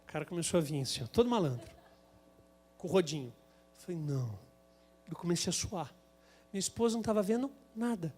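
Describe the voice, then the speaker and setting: A Brazilian man preaches with a strikingly high voice for a man. He builds his sermon around a lively, comic personal story. His delivery is animated and dramatic. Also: fast, long pauses. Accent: Brazilian Portuguese. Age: adult, married with a son.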